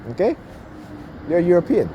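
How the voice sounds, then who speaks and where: A man with a high, sing-song voice delivers an informal, opinionated rant a little fast, against background noise. He's emphatic as he gives his commentary, repeatedly punctuating points with check-ins like "right?" and "okay?"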